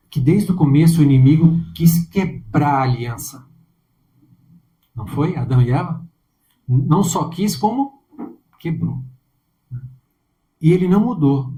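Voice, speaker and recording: A man's voice: a little high, darkish tone, rough recording. A man preaching a conversational sermon in a Brazilian Portuguese accent, often checking in with his listeners through tag questions.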